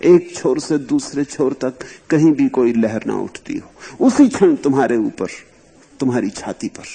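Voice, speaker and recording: A man giving a spiritual discourse on mystic poetry, slow and emphatic, with sudden high stresses. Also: expressive, gravelly, mellow, slightly rough. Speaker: spiritual teacher.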